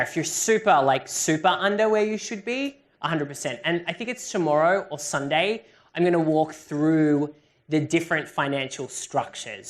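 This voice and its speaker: An upbeat, chatty woman leads a live business seminar and takes audience questions. Her voice sits fairly low for a woman. She talks in a lively, animated way. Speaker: workshop presenter. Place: event hall with audience.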